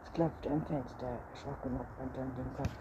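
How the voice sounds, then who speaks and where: A man narrating a children's story aloud in a lively reading style. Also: medium pitch, normal speed, dull audio. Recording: noisy recording.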